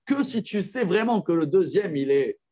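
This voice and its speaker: A rabbi teaching a group with real enthusiasm, his fairly high voice bright with praise. He moves quickly between rulings and side remarks, checking in with his students as he goes. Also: lively intonation. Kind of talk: lively halakha lesson with students.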